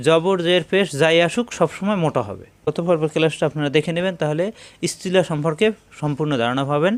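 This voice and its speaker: Male Quran teacher, slightly raised pitch, patient drilling delivery. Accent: Bangladeshi Bengali. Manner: drills letters slowly, repeating sounds for learners to copy. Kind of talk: step-by-step pronunciation lesson.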